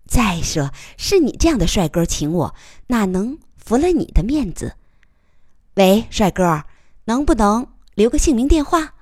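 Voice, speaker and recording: A woman voicing a feisty, sharp-tongued young woman journalist who fires back in rapid retorts. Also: on the low side, very animated, no room sound, studio quality. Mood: teasing.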